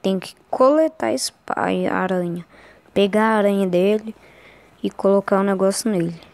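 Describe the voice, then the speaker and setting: A woman's voice: mid-range voice, moderate pace, a little mellow. A Brazilian woman giving casual, scared and anxious commentary while playing a horror game, often repeating short phrases. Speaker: gaming streamer.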